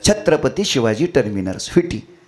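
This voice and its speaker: A man's voice: mid-range voice, sing-song, moderate pace, voice pushed down, close to an everyday voice. A man voicing a plain-spoken male railway porter who explains things matter-of-factly, within a storytelling performance.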